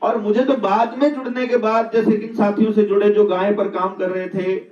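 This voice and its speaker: A man's voice: high voice, flat delivery, moderate pace, reverberant. Middle-aged man, reflective talk, storytelling, rhetorical questions, distant from mic, dull lo-fi sound. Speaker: speaker on natural living.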